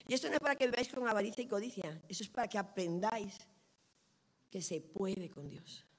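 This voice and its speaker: A middle-aged woman preaching from a pulpit. Her voice keeps a moderate pitch. She tells stories animatedly and acts out each quoted line. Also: brisk. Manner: animated storytelling, lively quoted dialogue. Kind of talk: sermon.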